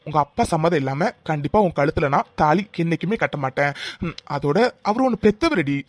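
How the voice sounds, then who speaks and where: A loyal young fiancé played by a man reassures his tearful sweetheart in a calm, steady tone. His voice sits fairly high for a man. The recording is close and dry. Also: a little fast, no echo, lightly acted. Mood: soothing. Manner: soothing, reassuring. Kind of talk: cartoon voice acting.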